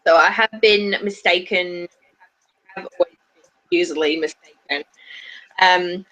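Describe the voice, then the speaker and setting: She co-hosts a livestream and reviews anime on YouTube, chatting in a rambling way full of restarts, with a British-tinged Australian accent. Her lowish voice is steady and measured, a bit bright, heard through low-quality audio.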